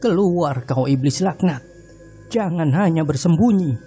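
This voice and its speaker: A man voicing an angry old male village mystic with a raised, strained shout in a horror story. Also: mid-range voice, fairly even intonation, unhurried, faint music behind, close to an everyday voice. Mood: furious.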